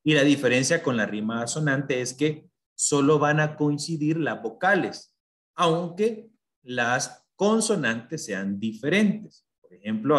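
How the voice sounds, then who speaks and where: A man teaching a lesson, explaining step by step in a patient, even voice. He keeps stopping to ask his students whether things are clear. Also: mid-range voice. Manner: explains patiently, checks understanding with questions. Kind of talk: online class lesson.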